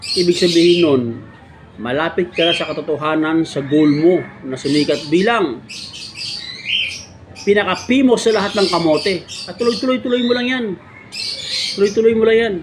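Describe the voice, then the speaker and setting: Male vlogger, high voice, mock-preachy sarcastic monologue, background noise and birds. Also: moderate pace, pauses often. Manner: sarcastic, keeps asking "di ba?". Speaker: motovlogger.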